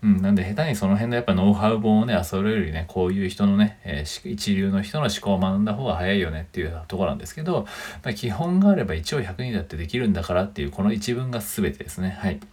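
Husky fast-talking Japanese man. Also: fairly low pitch, expressive, a little mellow. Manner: chatty, many fillers and tag particles. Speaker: podcast host. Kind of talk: casual solo talk reading from his blog.

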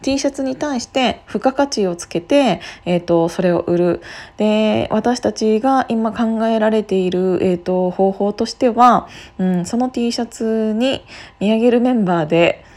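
Hushed, mellow woman chatting casually. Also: medium pitch. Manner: keeping voice down, speaking softly in a place needing quiet; informal, chatty explaining with frequent hesitations and drawn-out fillers. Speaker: radio show host, apparel designer. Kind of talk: casual solo radio chat.

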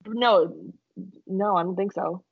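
A woman's voice: mid-range voice, slow pace, slightly rough, no echo. A young woman co-hosting a podcast, chatting casually, giggly and swearing freely. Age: young adult. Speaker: podcast co-host. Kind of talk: casual chat. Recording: dull lo-fi sound.

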